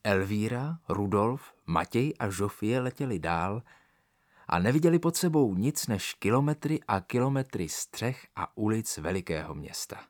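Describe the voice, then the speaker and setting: A man narrating a children's story aloud with expressive, animated delivery. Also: fairly low pitch, no room sound, clean studio sound.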